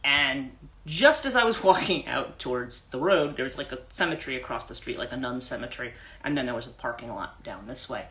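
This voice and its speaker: A middle-aged woman with a bright, forward voice talks through a personal story on a morning livestream. She rambles and restarts often, piling up fillers as she searches for words. The sound is a casual phone stream. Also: a bass voice, animated, fairly quick. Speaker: life coach.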